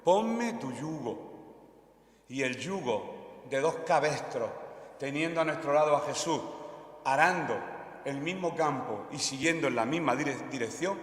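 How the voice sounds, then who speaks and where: A man's voice: medium pitch, moderate pace, a bit bright. A man preaching a sermon, repeating key phrases for emphasis. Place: church hall. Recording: echoey hall with long reverb.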